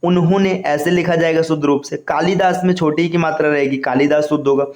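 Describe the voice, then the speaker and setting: A man's voice: on the high side, fairly even intonation, fairly quick, a little mellow. A man teaching an exam-prep spelling lesson, explaining each word patiently and often checking in with his listeners. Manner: repetitive, explanatory, frequent tag questions. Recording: echoey room.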